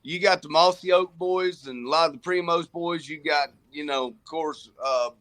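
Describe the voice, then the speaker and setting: Alabama land manager guy, plain talk, kinda high voice, lots of ums. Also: a bit bright. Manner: plainspoken, halting with fillers. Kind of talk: casual podcast chat.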